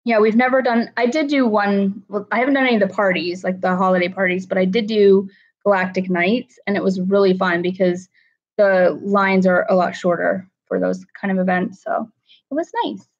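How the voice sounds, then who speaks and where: A woman at home hosts a relaxed livestream, easily chatting and saying hello to viewers by name from the chat. Her pitch is medium, her tone steady, and she speaks at a normal speed; the sound is dull, lo-fi livestream quality.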